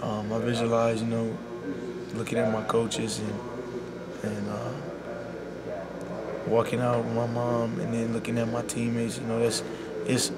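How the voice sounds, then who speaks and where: A young man, a college basketball player speaking softly and sincerely in a media scrum, leaning on "you know.". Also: mid-range voice, completely flat delivery, measured pace, over loud music. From Bahamas. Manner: soft-spoken and heartfelt, full of "you know". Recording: loud background noise.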